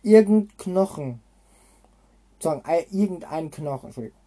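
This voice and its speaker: A man reading a storybook aloud and voicing a jovial adult male oil company director, reading haltingly with slips and self-corrections. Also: fairly high pitch, animated, warm tone.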